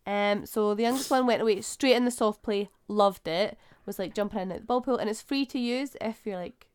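A woman's voice: medium pitch, a little fast, clean tone. A Scottish woman co-hosting a podcast in casual, informal chat. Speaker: podcast co-host.

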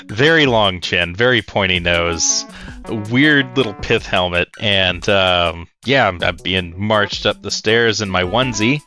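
Man, slow and bright, amused self-mockery. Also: on the low side, soft background music. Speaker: player.

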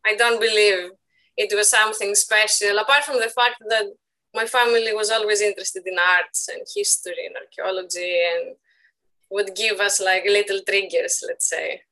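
A woman's voice: mid-range voice, steady tone, normal speed, sharp tone, rough recording. A woman in her thirties from Greece, speaking with a Greek accent as a guest in a casual interview, thoughtful and searching for words. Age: 30s. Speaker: guest artist.

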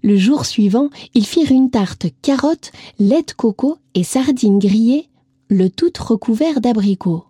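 Husky, mellow storyteller woman. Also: on the high side, measured pace, no room sound, studio quality. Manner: gentle, lively, speaks directly to a child listener. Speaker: storyteller for children. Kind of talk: storybook reading for children.

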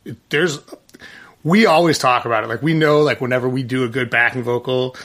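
This band singer, appearing as a guest, speaks fairly quickly in a steady, mid-range voice with a rather bright tone. The conversation is casual and he rambles, restarting often and using many fillers.

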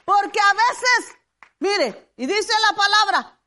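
A woman preacher delivering a fervent sermon, often shouting, with drawn-out hallelujahs and amens. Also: very high-pitched, lively intonation, slight background noise.

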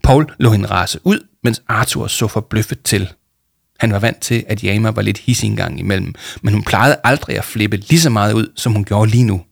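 A man reading a children's book aloud in a steady storytelling manner, with small slips. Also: fairly low pitch, gravelly, no echo, clean studio sound. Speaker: reader.

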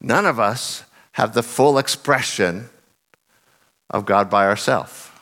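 A middle-aged man speaks slowly as he earnestly preaches a sermon. His voice, slightly husky and lowered after singing loudly, bears down hard on key phrases.

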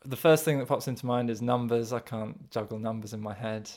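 A man co-hosting a casual podcast, talking in a halting, hedging way, restarting and correcting himself as he searches for words. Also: medium pitch, fairly even intonation, a little mellow. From England. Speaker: podcast co-host.

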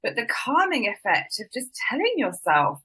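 A woman's voice: fairly high pitch, wildly swooping pitch, moderate pace, bright, forceful tone, breathy edge, rough recording. A woman hosting a podcast and live stream, chatting in a bubbly, gushing way and laughing often. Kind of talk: casual interview chat.

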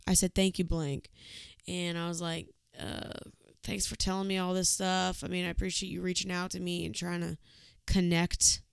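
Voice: medium pitch, monotone, moderate pace, creaky, clean tone, no echo, clean studio sound. A podcast co-host telling a story in casual chat, blunt and swearing freely.

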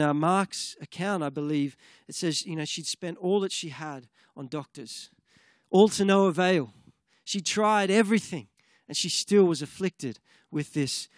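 Earnest and preaching, a man whose voice sits a bit above the usual male range gives a sermon that sometimes turns into fervent spoken prayer. The recording is close and dry, without any echo.

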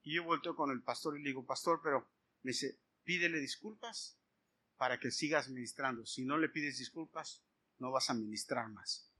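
A middle-aged man with a mid-range voice speaks at normal speed while preaching. He shares a personal story in an animated manner, playing out the conversation.

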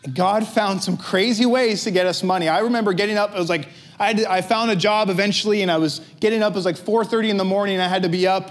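A man, preaching a sermon in a lively, conversational, self-joking way. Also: sits high. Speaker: pastor.

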